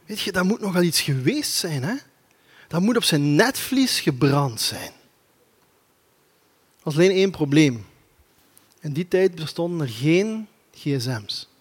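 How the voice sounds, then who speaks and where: A man preaching a lively sermon, acting out the scenes as he tells them. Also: on the high side, a little slow, long pauses, husky. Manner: animated storytelling, acting out the scenes.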